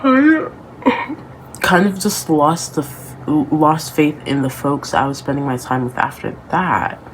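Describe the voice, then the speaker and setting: A woman's voice: sits low, unhurried, slight background noise, low-quality recording. A woman chattily reading confessions aloud and reacting with amused, dramatic disbelief and slangy emphasis. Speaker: online content creator reading and reacting to submitted confessions.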